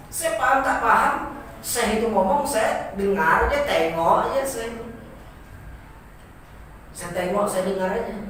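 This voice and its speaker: A man's voice: high-pitched, fairly bright tone, a little hiss or hum. Guy teaching a class, jokes around a lot, super echoey room, sounds far from the mic. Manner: jokey, often laughs, mimics students' broken Arabic. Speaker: Arabic language teacher. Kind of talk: informal classroom lecture.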